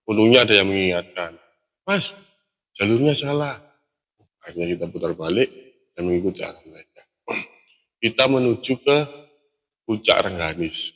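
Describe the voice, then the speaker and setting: A young man telling a story from a mountain hike in a relaxed, halting way, pausing and restarting often. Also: deep voice. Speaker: storyteller recounting a hiking trip. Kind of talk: casual spoken storytelling.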